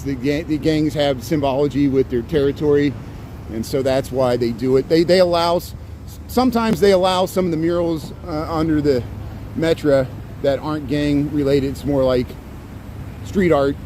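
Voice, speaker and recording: A man's voice: on the high side, moderate pace, dark tone. A man from the American Midwest hosting a casual walking livestream, rambling and chatty and laughing often, recorded outdoors on a city street on a handheld phone. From Indiana, US Midwest. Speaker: livestream host. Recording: street traffic noise behind.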